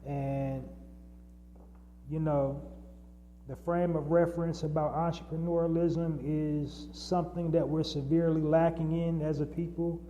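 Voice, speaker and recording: On his podcast, a man speaks alone and improvised, frequently restarting and using fillers. His dark-toned voice is on the high side, with little pitch movement and a measured pace, captured with long reverb and a faint hum.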